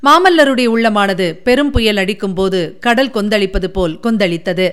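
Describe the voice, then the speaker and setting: A woman narrating a historical novel as an audiobook, steady and expressive. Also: medium pitch, moderate pace, clear, resonant tone.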